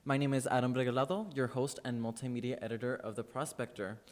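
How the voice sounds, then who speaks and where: A nineteen-year-old man hosts a student podcast, chatting in a loose, friendly way with plenty of fillers. He talks fast in a steady tone, and the recording has long reverb and a faint rumble.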